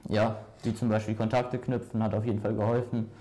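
A man's voice: fairly low pitch, little pitch movement, fairly quick, dark tone. A young man from Spain giving short, hesitant answers with many fillers as a studio guest. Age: young adult. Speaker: student mentor, guest.

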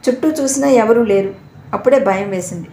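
A spirited young woman, quick to scold and quicker to blush, voiced by a woman reading an audio novel. The recording has a roomy echo with a faint hiss behind it. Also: on the high side, lightly acted. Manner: sharp, scolding.

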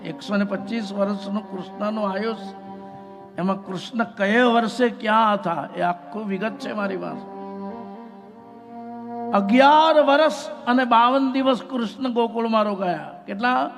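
A young man, a religious storyteller, giving a devotional story sermon with lively storytelling that acts out the characters. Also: sits high. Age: young adult. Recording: reverberant hall, faint music.

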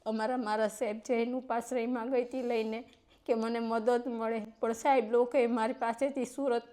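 A woman pleads for help in an interview, high-pitched and tearful at times. Her voice stays on a narrow, flat line of pitch. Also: moderate pace. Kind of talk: emotional plea in an interview.

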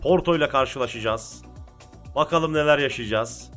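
Excitable man calling a football match. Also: medium pitch, moderate pace, soft background music. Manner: shouts encouragement at his players, calls play-by-play. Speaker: gaming streamer. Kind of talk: excited football game commentary.

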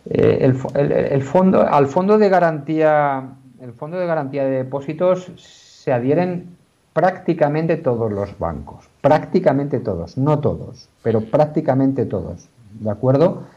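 A lawyer in his office works patiently through a legal question, often using fillers and restarting sentences. His fairly high voice is mellow and dark with lively intonation and a measured pace, heard over a dull, lo-fi video call.

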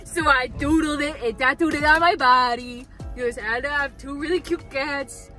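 Young woman, casual vlog chat, excitable and sweary, slightly high voice, music playing behind. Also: normal speed. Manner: excitable, swears freely, laughs often. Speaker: vlogger. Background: background music.

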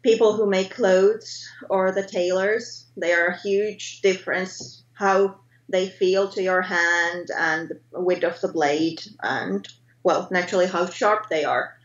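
Speaking from her indoor home art studio over a webcam, a guest artist in her thirties from Finland chats casually in English with a Finnish accent. She's hesitant, frequently stopping to search for words and fixing what she says. Her voice is lowish and steady, and the audio is roomy, dull and lo-fi.

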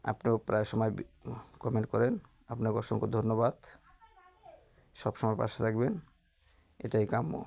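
Reading out comments from her viewers, a woman lifestyle vlogger with a Bangladeshi Bengali accent thanks each one by name, slowly and sincerely. Her voice has an extremely low pitch and a creaky, gravelly texture, and it stays fairly level and even.

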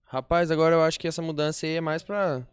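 A man's voice: a little high, fairly even intonation, quick pace, clean tone, no echo. A man with a Brazilian accent giving colloquial, conversational analysis as a football pundit.

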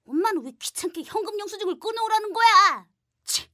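A woman voicing an impatient young boy in an animated cartoon, whiny, cheeky and given to exclamations. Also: very high voice, a little fast, no echo, studio quality, full character voice. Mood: grumbling.

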